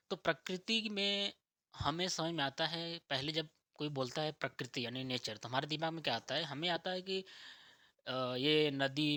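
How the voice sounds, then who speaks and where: A man's voice: medium pitch, pushed and bright, no echo, clean studio sound. A man explaining ideas to his listeners like a teacher, asking questions and answering them himself and often checking in with "theek hai". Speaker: spiritual teacher. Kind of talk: explanatory talk on spirituality and nature.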